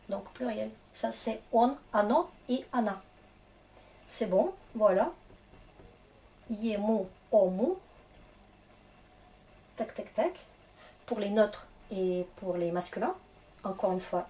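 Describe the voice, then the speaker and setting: A woman's voice: mid-range voice, darkish tone, distant mic. A woman teaching a grammar lesson in a casual, chatty way, often checking in with her students to encourage them. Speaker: Russian teacher.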